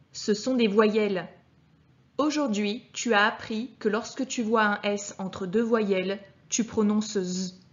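Slow, patient woman teaching children. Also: mid-range voice, lo-fi sound. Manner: patient, addresses the child directly, deliberately articulated sounds. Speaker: primary school teacher. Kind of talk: slow, clear reading lesson for children.

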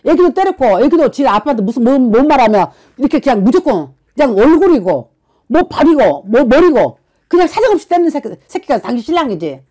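Woman fortune teller, blunt and scolding, lively high voice, pushes with repeated questions. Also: fairly quick. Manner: forceful, scolding, keeps prodding with "어?". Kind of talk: blunt counseling session.

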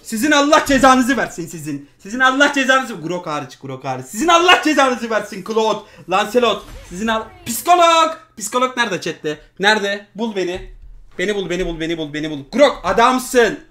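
A man commentating his mobile game live, muttering and then shouting and swearing at his teammates. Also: high-pitched, sing-song, brisk.

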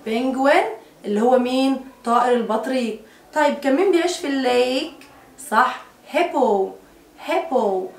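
A woman with an Egyptian Arabic accent teaching English to children, repeating words slowly and explaining quickly in Arabic. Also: fairly high pitch, echoey room, recorded from a distance.

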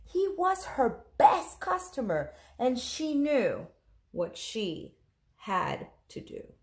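Slow-paced woman reading a storybook. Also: fairly high pitch, sing-song. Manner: deliberate, dramatic, explanatory. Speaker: teacher reading a picture book aloud. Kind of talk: expressive storybook read-aloud. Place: small room at home. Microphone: camera or phone at close range.

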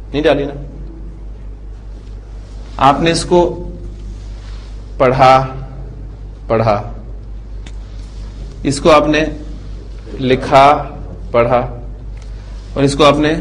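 A man giving a classroom Arabic grammar lecture. He drills word forms slowly, syllable by syllable, and keeps asking the class checking questions. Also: mid-range voice, slight background noise, poor audio.

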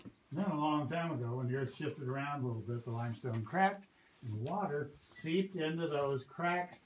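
Starting in the visitor center lobby and moving into a cave, a male park ranger guides a tour at a normal pace with a slightly high voice. His style is patient and explanatory, with frequent check-ins with the group, and the audio is echoey with heavy ambient noise.

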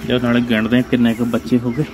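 A young farm vlogger from India speaks quickly in a monotone, medium-pitched voice with a Punjabi accent. Recording on his phone at a poultry farm, he gives informal commentary and calls viewers friends. The sheds and yard are noisy with clucking chickens and birds.

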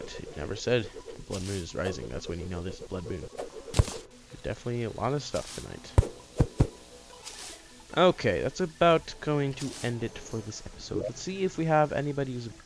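A man's voice: fairly low pitch, sing-song, moderate pace. A man hosting a gaming channel, rambling through casual gameplay commentary and often correcting himself mid-sentence. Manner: rambling, chatty, self-correcting. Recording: loud background game music.

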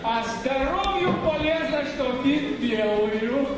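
An actor playing a crude, rowdy old drinker in a stage operetta, declaiming theatrically. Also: male voice, extremely high pitch, lively intonation, slow pace, heavily acted. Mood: lecherous. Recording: echoey theatre hall from far off, faint noise.

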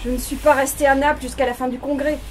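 A woman reading the part of a middle-aged police commissioner, brisk and exasperated, at a bookshop reading. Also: high voice, little pitch movement, a little hiss or hum, pitched above the performer's own voice, lightly acted. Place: bookshop reading before an audience.

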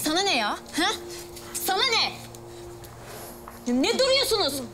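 A woman's voice: very high-pitched, big pitch swings, unhurried, background noise, exaggerated voice. An actress playing a spoiled rich young woman who barks orders with open contempt. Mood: haughty. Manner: contemptuous, commanding. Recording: TV drama with loud score underneath.

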